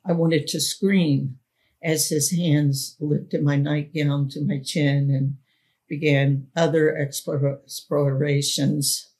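A woman author and podcast host reading her own memoir aloud in a solemn, deliberate way. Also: sits low, flat delivery, dark tone. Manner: slow, solemn, deliberate storytelling.

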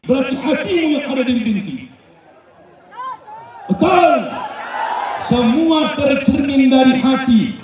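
Man, high voice, joking crowd speech, booming echo with a crowd behind. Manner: joking, loud, acts out little dialogues. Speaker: speaker at a campaign welcome. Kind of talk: humorous moral speech to a crowd. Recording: heavy echo, far from the mic, crowd noise.

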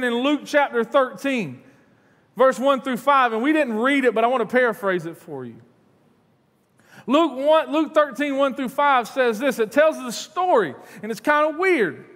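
A man's voice: extremely high pitch, a bit bright. A man, preaching a sermon in earnest from a church stage. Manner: earnest, repeats words, paces the stage. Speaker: pastor. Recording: long hall reverb in a church.

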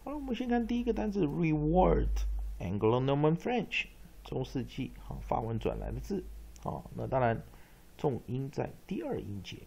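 A man teaching English pronunciation, spelling out letters and repeating words to drill them, often ending phrases with a soft "ha". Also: on the high side, big pitch swings, normal speed, gravelly, slightly rough. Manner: tags phrases with a soft "ha" particle. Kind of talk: pronunciation lesson.

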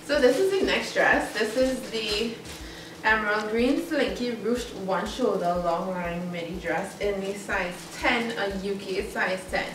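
A woman's voice: medium pitch, a little slow, background noise. A young woman chatting casually through a clothing try-on haul, giggly and a little self-conscious. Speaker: vlogger. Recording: echoey room from far off.

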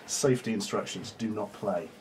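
A man co-hosting a casual, joking board game review, with a dry, deadpan manner. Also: fairly low pitch, moderate pace, a little hiss or hum. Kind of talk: casual comedic chat.

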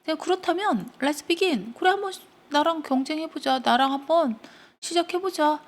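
A woman's voice: high-pitched, expressive, moderate pace, voice pushed up. A woman putting on a cocky bragging young weaver. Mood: boastful.

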